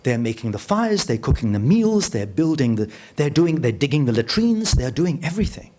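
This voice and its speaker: A man giving a storytelling lecture as a radio journalist, acting out dialogue vividly and slowing to a low voice for emphasis. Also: sing-song, darkish tone. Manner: vivid, acts out dialogue with shifting pitch; slows down and drops low for emphasis. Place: lecture hall.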